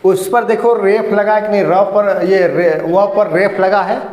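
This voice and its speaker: A man leads a grammar lesson in a classroom, asking his students the same thing over and over and correcting them patiently. His voice sits high and unhurried. The room rings with a long, roomy echo. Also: fairly even intonation, a little mellow. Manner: drills students with repeated questions. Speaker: teacher. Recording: echoey classroom with long reverb.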